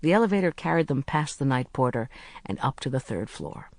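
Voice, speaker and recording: Expressive audiobook narrator, dry and close. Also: mid-range voice, dry recording. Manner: expressive, measured storytelling.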